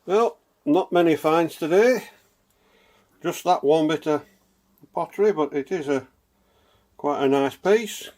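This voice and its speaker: A man's voice: a little high, measured pace, pauses often. A man with a Northern English accent giving casual outdoor vlog commentary, raising his voice over the wind. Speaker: vlogger. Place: outdoors by a river. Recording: windy outdoor recording, loud wind noise. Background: wind noise.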